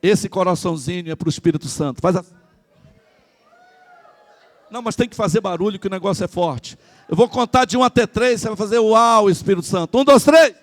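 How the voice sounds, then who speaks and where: A male pastor with a Brazilian Portuguese accent, preaching a lively sermon at a church service and calling out to the congregation. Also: sits high, brisk, pauses often. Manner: animated, calls out to the congregation.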